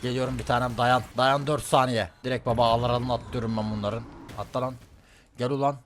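A male streamer giving live, excitable commentary on his own gameplay, often shouting and repeating words in quick bursts. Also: mid-range voice, a little hiss or hum.

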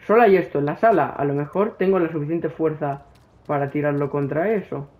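A man's voice: on the high side, brisk, darkish tone. A man with a Spain Spanish accent doing let's play commentary, talking to his game character and nervously pleading. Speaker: gaming youtuber.

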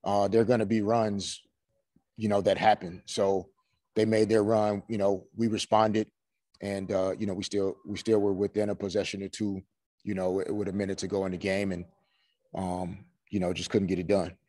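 Low-voiced, even-toned coach at presser. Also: male voice, no room sound. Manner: measured, many "you know" and "um" fillers. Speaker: head coach at a postgame press conference. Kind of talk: postgame press conference answers. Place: small room before a team logo backdrop. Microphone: video call webcam.

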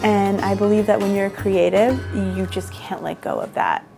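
In an interview held in an indoor room, a young adult woman who is a fashion designer and boutique owner sits across from the interviewer and tells her story earnestly, chatting along with plenty of "like" fillers. Her voice is gravelly, medium-pitched and fairly even in intonation, at a moderate pace, with soft music underneath.

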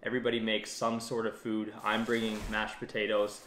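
A young man from Canada chatting casually to camera as a vlogger, relaxed and explaining. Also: lowish voice, a little fast, roomy sound, a little hiss or hum. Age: young adult. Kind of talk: casual vlog talk to camera. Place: inside a car, then a kitchen.

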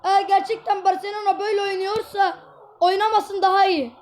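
Very high-voiced, exasperated woman gamer. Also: a little fast, a little hiss or hum. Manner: exasperated, excitable, ranting at the game. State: hoarse. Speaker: gameplay vlogger. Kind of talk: live mobile gameplay commentary. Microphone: tablet.

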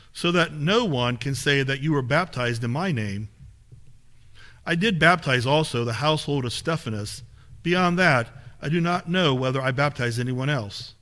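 Man reading scripture in a church. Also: fairly high pitch. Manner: measured, steady reading aloud. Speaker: lay reader. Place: small church sanctuary.

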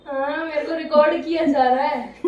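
A woman's voice: sits high, steady tone, unhurried, dark tone, muffled recording. A young woman at home answering offhand, a bit giggly, heard from across the room. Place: home, indoors. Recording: echoey room, off mic.

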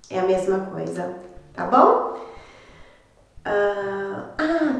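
A woman teaching Italian grammar slowly and patiently, repeating each example twice. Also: a little high. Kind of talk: slow, careful language lesson. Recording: very echoey room.

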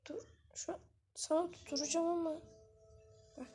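A woman with a notably high voice commentates her match live, chatty and excitable. She coaxes the game characters and snaps with rough outbursts when things go wrong. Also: moderate pace, music in the background. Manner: frustrated outbursts with swearing. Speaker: gaming channel host.

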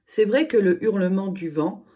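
A woman reading a gentle, caring mother. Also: medium pitch, moderate pace, husky, pitched above the performer's own voice, natural voice.

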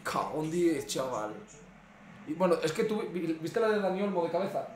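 A man's voice: fairly high pitch, sing-song, normal speed, a little mellow, slight background noise. A young man with a Spain Spanish accent, reacting live to a football match, swearing and exasperated at the screen. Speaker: streamer. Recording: echoey room.

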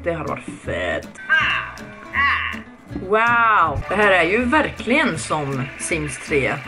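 A young woman giving casual let's-play commentary, chatty and excitable, swearing often and reading game text aloud. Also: fairly low pitch. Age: young adult. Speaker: gaming video creator. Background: background music.

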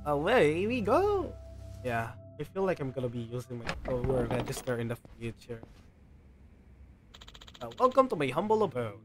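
With video game music behind him, a man livestreams a game and reads its dialogue aloud playfully, ad-libbing and occasionally stumbling over a line. His mid-range voice swoops wildly in pitch at normal speed, broken by long pauses.

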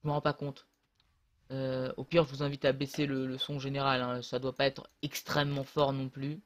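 A man's voice: mid-range voice, flat delivery, moderate pace. A man casually commentating his own online match, rambling and hesitant with many fillers and restarts, on a close desk mic.

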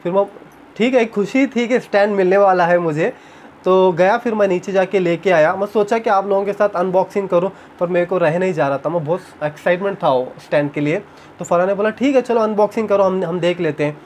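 A man's voice: high voice, brisk, a little mellow, a little hiss or hum. A young man, chatting casually in a home vlog and retelling a story with animation. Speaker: vlogger. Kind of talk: casual chat. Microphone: camera on tripod.

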